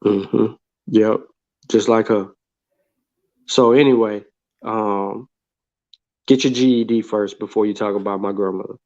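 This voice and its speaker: An American man in an informal live debate, speaking in a halting, dismissive and taunting way. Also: on the low side, fairly even intonation, a little mellow. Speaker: debate panelist. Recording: dull lo-fi online audio.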